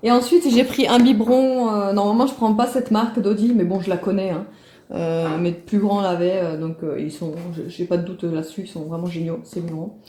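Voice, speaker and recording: A woman's voice: medium pitch, steady tone, brisk, warm tone, a little hiss or hum. Chatty woman vlogging in an echoey room. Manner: chatty, many fillers and restarts, fond baby talk to pets and baby. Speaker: family vlogger. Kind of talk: casual home vlog, talking to camera. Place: at home.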